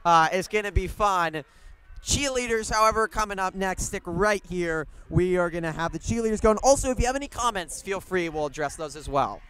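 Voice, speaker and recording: A man's voice: sits high, animated, a little fast, a bit bright, clear, resonant tone. A young man doing live, chatty sports broadcast commentary from a set at a stadium, bantering with guests. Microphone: handheld broadcast mic.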